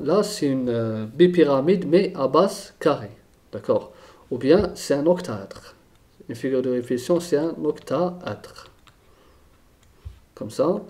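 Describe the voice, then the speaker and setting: A man's voice: mid-range voice, warm tone. A man teaching a chemistry lesson, thinking aloud and repeating key terms, often checking with "d'accord?".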